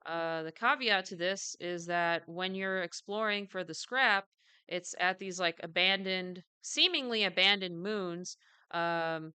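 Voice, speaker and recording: A woman's voice: on the low side, measured pace, bright, forceful tone, clean tone, no room sound. A woman co-hosting a podcast, chatting casually with many fillers and restarts. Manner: chatty, lots of fillers and self-corrections; self-described jumpy. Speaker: podcast co-host.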